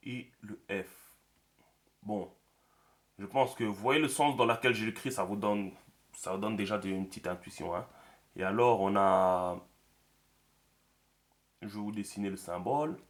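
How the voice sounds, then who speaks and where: Soft-spoken man explaining as he writes. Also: fairly low pitch, unhurried, pauses often. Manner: talks to himself while writing, many fillers. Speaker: teacher of a script. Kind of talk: screen-recorded tutorial.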